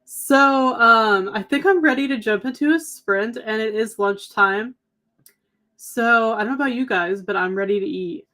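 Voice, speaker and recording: A woman's voice: a little high, normal speed, sharp tone. A young adult woman co-hosting a reading livestream, chatting casually with viewers, with a lot of "um" and "like," her voice slightly worn. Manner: chatty, lots of "um" and "like". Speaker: livestream co-host.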